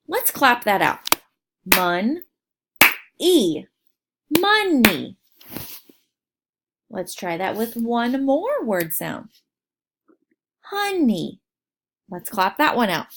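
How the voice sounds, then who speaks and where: A woman teacher with a somewhat high voice gives young learners a phonics lesson, sounding out words slowly and clearly while encouraging them.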